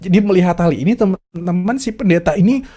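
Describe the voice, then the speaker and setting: A man's voice: high-pitched, fast talker, dark tone. A man giving a casual devotional talk to an online fellowship, chatty and laughing often. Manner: chatty, frequent laughs, repeats "teman-teman". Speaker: devotional speaker.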